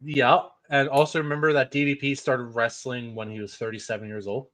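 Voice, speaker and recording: Blunt, bright-voiced man swearing freely. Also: mid-range voice, little pitch movement, brisk. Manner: blunt, profane, exasperated ranting. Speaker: wrestling podcast co-host. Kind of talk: casual wrestling news chat.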